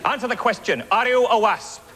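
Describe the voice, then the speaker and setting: A Welsh man doing a deliberately inept ventriloquist comedy act, with mock-earnest patter. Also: very high voice. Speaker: comic ventriloquist. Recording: echoey hall with background noise.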